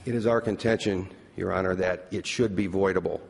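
A man speaking as a lawyer in formal oral argument, with measured, precise and deferential phrasing. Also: low-pitched, fairly even intonation, vocal fry. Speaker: lawyer arguing an appeal. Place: large courtroom. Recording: reverberant hall, faint noise.

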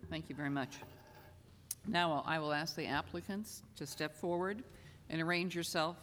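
A woman's voice: low voice, steady tone, moderate pace, a bit bright. A woman presiding as chief justice over a formal ceremony, giving plain, informal directions. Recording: echoey hall, faint noise.

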